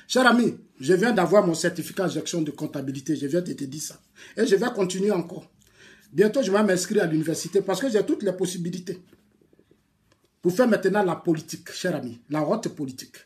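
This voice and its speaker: Un homme originaire de Côte d'Ivoire, de langue maternelle bété, avec un accent ivoirien, qui sermonne longuement un rival dans une vidéo et répète ses phrases. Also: male voice, sits high. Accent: Ivorian French. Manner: lecturing, repetitive, scolding, bursts of laughter. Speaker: political activist replying to a critic. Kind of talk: heated video rant addressed to a rival.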